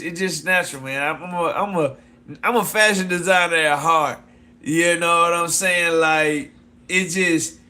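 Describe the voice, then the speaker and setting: A man with a high, bright, forceful voice chats casually and unhurriedly with his viewers. He talks loosely, circles back over the same phrases and keeps addressing someone as "sis". Excited whoops and chuckles break up his talk. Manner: exclamatory whoops and laughs. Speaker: fashion designer pitching his brand. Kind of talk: casual live chat with viewers.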